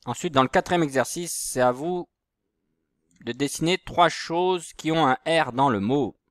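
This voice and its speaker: Unhurried and somewhat high-pitched, this primary school teacher talks young children at home through reading and handwriting tasks with patience. He writes with the mouse while using a computer mic, and the recording is dry and studio quality.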